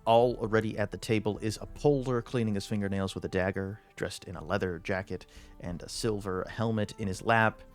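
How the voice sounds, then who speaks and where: A man narrating a tabletop game as game master, hesitant with many fillers and quick to laugh at himself. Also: lowish voice, fairly even intonation, faint music behind.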